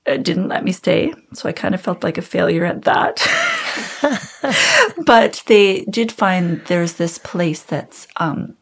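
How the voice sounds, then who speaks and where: Gravelly woman, candid and halting. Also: on the low side, sing-song. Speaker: interview guest. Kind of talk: personal story in interview.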